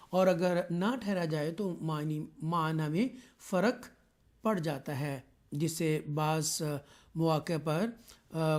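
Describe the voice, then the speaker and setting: A man from Pakistan teaching an online Quran lesson, explaining slowly and carefully with many drawn-out fillers. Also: on the high side, darkish tone.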